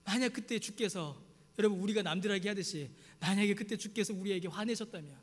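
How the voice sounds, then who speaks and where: A man's voice: high-pitched, fast. A male pastor preaching a sermon with passion, piling up repeated rhetorical questions to his congregation. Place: church sanctuary. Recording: long hall reverb.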